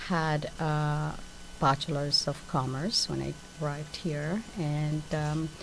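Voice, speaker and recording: A woman's voice: sits low, steady tone, slow, slight background noise, low-quality recording. A middle-aged woman from Somalia, a community nurse, talking hesitantly with many fillers in a radio interview.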